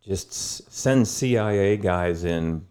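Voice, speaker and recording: A middle-aged man with a very deep voice gives a conversational history lesson as a podcast guest. He tells it in a thoughtful, storytelling way, pausing and searching for words. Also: a little mellow, smooth. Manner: thoughtful, storytelling, with pauses and fillers.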